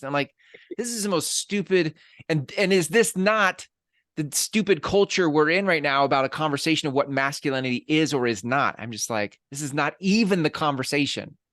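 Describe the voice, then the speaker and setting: A man's voice: fairly high pitch, a bit bright, dry recording, studio quality. A man co-hosting a podcast in casual conversation, reflective and thinking aloud with restarts. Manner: reflective, talks through his thoughts with restarts. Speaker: podcast co-host.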